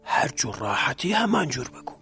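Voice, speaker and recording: A man voicing a calm, steady man who questions a witness in a told story, speaking in a measured, soothing way. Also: mid-range voice, creaky, faint music behind, voice pushed down, exaggerated voice. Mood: calm, probing.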